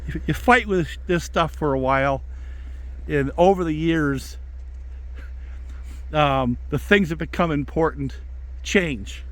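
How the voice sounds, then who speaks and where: Male logger vlogger, plain-spoken and folksy, voice a touch higher than average, casual outdoor delivery. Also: slow, long pauses, fairly bright tone. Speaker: logger presenting a video about his work. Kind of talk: casual vlog talk. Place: outdoors in winter woods.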